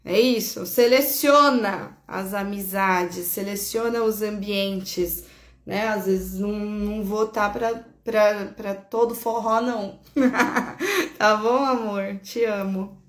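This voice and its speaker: A woman's voice: medium pitch, fairly even intonation, slow. Chatty Brazilian astrologer woman, echoey room. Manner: chatty, affectionate, laughs often, corrects herself. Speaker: astrologer host. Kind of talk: casual live horoscope chat.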